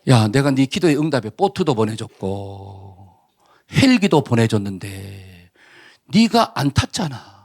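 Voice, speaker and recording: A man voicing God gently scolding a man in a sermon anecdote, in a slow, deep voice. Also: big pitch swings, vocal fry, exaggerated voice. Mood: gentle rebuke. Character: God, patient and gently chiding.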